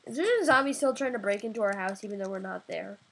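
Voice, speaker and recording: A woman's voice: mid-range voice, lively intonation, fast talker, gravelly, a bit bright, slight background noise. A woman in casual, playfully argumentative banter while playing a video game. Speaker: gaming video player.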